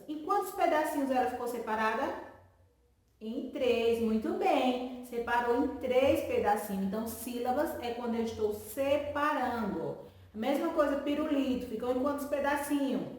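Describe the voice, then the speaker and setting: A woman's voice: fairly high pitch, moderate pace, distant mic. A woman teacher giving a remote lesson to children, stretching out words syllable by syllable and answering her own questions in a sing-song way. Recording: echoey room, voice from off-mic.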